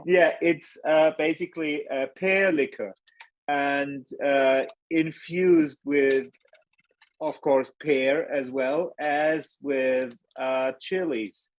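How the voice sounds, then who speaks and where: Guest: unhurried man, halting and modest, dry close sound. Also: a little high, fairly even intonation, no echo, low-quality recording. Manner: hesitant, many ums, modest. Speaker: hot sauce maker guest. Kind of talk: casual chat.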